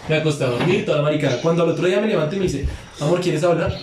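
A man's voice: a little high, racing, darkish tone, echoey room. A young man telling a long story among friends, slangy and profane, acting out both sides of a quarrel. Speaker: podcast guest.

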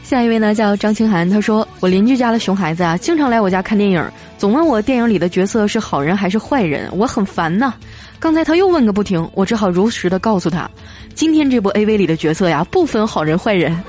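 With faint music playing under her voice, a woman host reads jokes sent in by listeners, playful and chatty, laughing at the punchlines. Her voice is medium-pitched, expressive and darkish, and she moves at a quick pace.

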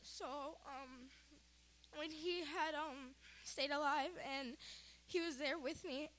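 A woman's voice: sits high, fairly even intonation, measured pace, fairly bright tone. A young woman giving a casual, emotional testimony before her baptism, giggling often. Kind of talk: personal testimony.

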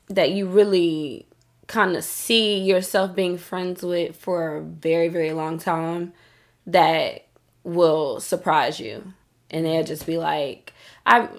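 A woman co-hosting a podcast, telling a personal story in a candid, emphatic way, cursing often and saying "like" a lot. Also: on the low side. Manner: emphatic, profane storytelling with frequent "like". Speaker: podcast co-host. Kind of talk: candid casual podcast chat. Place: Dallas.

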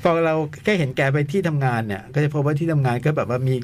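A man's voice: medium pitch, lively intonation, fast talker, a little mellow, a little hiss or hum. Chatty man retelling a film. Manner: chatty, retells film scenes with acted quotes. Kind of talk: casual movie chat.

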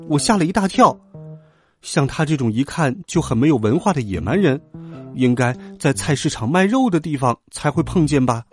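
A man narrating a children's story in the first person, lively and dramatic. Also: on the high side. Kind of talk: storybook reading.

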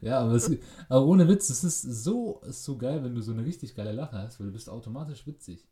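A man's voice: mid-range voice, lively intonation, fairly quick, warm tone, echoey room. A man chatting casually, tossing in dry jokes. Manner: dry, joking quips. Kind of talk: casual chat.

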